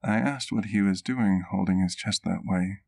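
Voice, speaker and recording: Reflective and gentle, a centuries-old vampire gentleman, played by a man for ASMR, recounts old memories like a wistful, doting doctor. He uses formal, measured, literary phrasing, and his voice is very deep with a gravelly creak.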